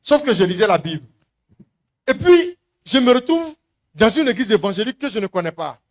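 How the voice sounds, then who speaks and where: A middle-aged Ivorian pastor with a high-pitched voice preaches in French with an Ivorian accent. He tells a testimony, acting out the people in it. His delivery swings from loud calls to near-murmurs. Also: very animated, a little fast. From Côte d'Ivoire. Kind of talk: sermon.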